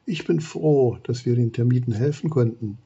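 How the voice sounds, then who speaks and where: A man reading a story, voicing a tearful young female wolf cub who speaks softly, in a husky voice. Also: mid-range voice, moderate pace, dull audio. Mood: relieved. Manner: soft, sorrowful.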